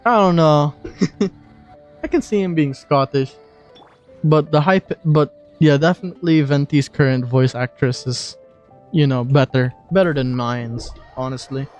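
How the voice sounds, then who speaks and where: A man streaming a game who chats casually and jokes about himself. He talks slowly, with restarts. The tone is loose and self-mocking. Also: a little high, soft background music. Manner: chatty, self-deprecating, laughing. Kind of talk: casual commentary while gaming.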